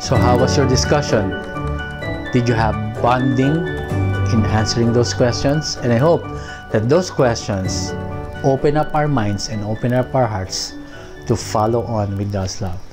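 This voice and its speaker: A man preaching a sermon as pastor, slow and deliberate, stretching key phrases for emphasis. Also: medium pitch, music in the background.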